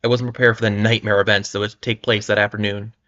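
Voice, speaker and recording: A man's voice: on the low side, flat delivery, quick pace, pushed and bright. A young man casually reading a pulp novel aloud on a livestream, with wry asides and stumbles, in muffled lo-fi audio. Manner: wry, amused, stumbles over words. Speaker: livestream reader.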